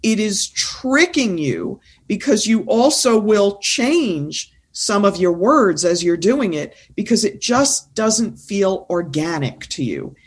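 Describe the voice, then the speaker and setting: Woman, presentation coach, mid-pitch, emphatic and insistent, podcast guest. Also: sing-song, slow, few pauses, husky. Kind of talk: casual interview conversation.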